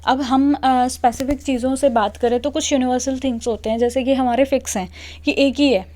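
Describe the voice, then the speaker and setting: A woman's voice: sits high, steady tone, a little fast, darkish tone. A young woman with an Indian accent patiently explains English grammar to beginners, often checking in with "okay" to see if students follow. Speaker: English teacher. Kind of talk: classroom explanation.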